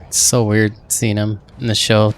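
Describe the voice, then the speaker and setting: A man's voice: fairly low pitch, monotone, normal speed, a little hiss or hum. A man hosting a reaction video, chatting casually and thinking aloud as he comments.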